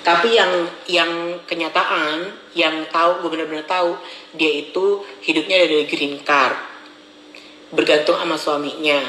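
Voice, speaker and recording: A man's voice: fairly high pitch, pushed and bright, roomy sound, a little hiss or hum, low-quality recording. A man ranting casually to his followers, chatty, repetitive and indignant, recorded on a phone held at arm's length. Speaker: social media vlogger. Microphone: phone camera at arm's length.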